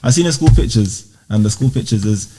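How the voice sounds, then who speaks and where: A male podcast host with a lowish voice, talking quickly. He throws out questions and bants with slang. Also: lively intonation, noisy background. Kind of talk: casual podcast chat.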